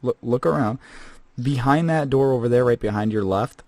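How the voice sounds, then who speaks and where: In a medium-pitched, darkish voice at normal speed, a man hosts a comedic in-character podcast as a rambling, casual scavenger. The delivery is lightly acted, chatty and full of fillers, with no echo.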